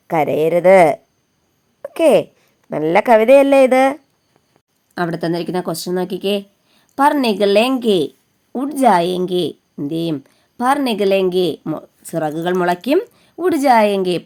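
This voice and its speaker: A woman's voice: fairly low pitch, a little mellow. A woman teacher from Kerala with a Malayali accent explains a Hindi poem in Malayalam, asking the class questions and answering them herself. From Kerala, India. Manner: reads the poem lines slowly and sing-song.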